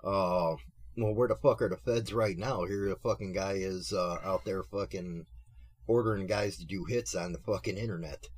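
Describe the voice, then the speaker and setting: A man's voice: low voice, normal speed, husky. A man hosting a talk show in casual, opinionated chat, swearing freely in a mocking way. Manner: profane, mocking.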